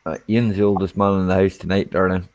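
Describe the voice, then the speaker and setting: A man's voice: sits low, level tone, fast talker, darkish tone. A man teasing his friends in a shed, often ending his remarks with a questioning tag. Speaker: regular in a chat among friends. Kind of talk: casual banter.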